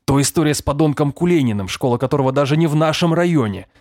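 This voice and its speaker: Guy doing a stout police colonel yelling sarcastic, voice pitched way up, loud, dry close audio. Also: lively intonation, quick pace, dry recording. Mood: raging. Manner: bellowing, sarcastic scolding. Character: furious stout middle-aged male police lieutenant colonel.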